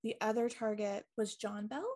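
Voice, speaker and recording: Speaking at a normal pace with fairly even intonation, a woman co-hosts a podcast and casually recounts a ghost story. Her voice sits at medium pitch with a darkish tone. She chats freely, laughs easily, and peppers her speech with ums and likes.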